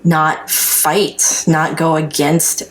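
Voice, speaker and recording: A woman's voice: low voice, level tone, extremely slow, rough recording. A woman with a North Dakota accent talking frankly and earnestly in a casual chat, sharing personal testimony as a guest, with some salty language. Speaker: podcast guest sharing recovery story.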